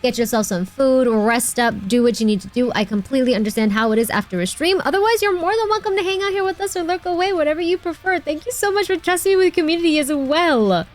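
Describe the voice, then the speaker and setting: A woman streaming a game playthrough in a cute, excitable anime-streamer manner, reading the story aloud and chatting with viewers. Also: high voice, fast talker, hardly any pauses. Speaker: VTuber streamer and voice actor.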